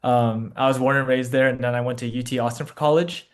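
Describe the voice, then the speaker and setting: Man, 20s, from Texas, panelist; mid pitch, very level delivery. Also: fairly even intonation, fast. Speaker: panelist, new medical graduate. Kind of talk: casual panel introduction. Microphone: video call.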